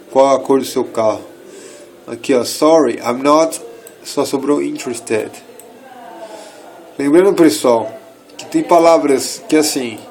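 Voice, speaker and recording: A man in his thirties from Brazil, teaching English in a casual lesson, switching between quick asides and slow, careful reading of English phrases. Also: medium pitch, vocal fry, a little mellow, a little hiss or hum, low-quality recording. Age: 30s. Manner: explains in quick asides, slows down to read English. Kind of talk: casual bilingual language lesson.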